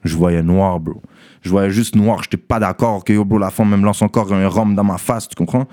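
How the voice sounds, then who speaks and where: Young man, low, slangy storyteller. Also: fairly quick. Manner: animated, slangy, mixes in English, keeps asking "tu comprends?". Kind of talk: casual storytelling among friends.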